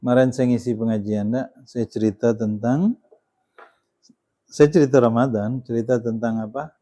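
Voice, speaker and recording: A man's voice: mid-range voice, fairly even intonation, normal speed, mellow. A man giving a Quran study sermon in a conversational way, often ending points with tag questions and pressing them with emphasis. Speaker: Islamic preacher.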